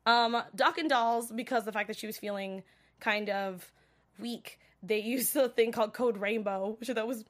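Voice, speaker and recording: A woman getting over a cold chats on a livestream, rambling with lots of fillers. Her voice sits a little high. She wanders between thoughts in a loose, casual way. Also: steady tone, normal speed. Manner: chatty, rambling, filler-heavy. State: recovering from a cold, coughing. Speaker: livestream show recap host. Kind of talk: casual chat reacting to viewer comments.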